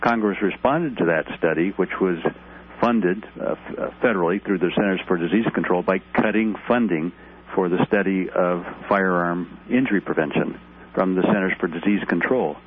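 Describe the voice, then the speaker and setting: A man's voice: low-pitched, moderate pace. A middle-aged man, an ER doctor and candidate, calling in to a talk radio show over the phone, earnestly laying out figures. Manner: earnest, steadily citing figures. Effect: heard over the phone. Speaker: caller, congressional candidate and ER doctor. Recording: tinny phone line with faint noise.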